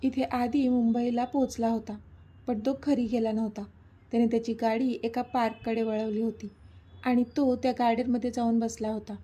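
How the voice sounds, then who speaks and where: Woman storyteller, fairly high voice, mellow, steady gentle narration. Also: moderate pace, slightly rough.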